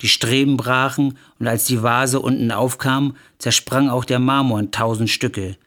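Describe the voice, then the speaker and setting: A man's voice: medium pitch, moderate pace. Man reading a memoir aloud. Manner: expressive, acting out quoted dialogue. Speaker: audiobook narrator. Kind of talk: first-person memoir reading.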